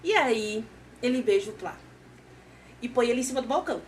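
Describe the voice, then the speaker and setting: Woman, Brazilian Portuguese accent, casual recap, lively storytelling, slightly high voice, faint background noise. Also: fairly quick. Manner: animated storytelling, acting out characters' lines. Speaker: series recap host.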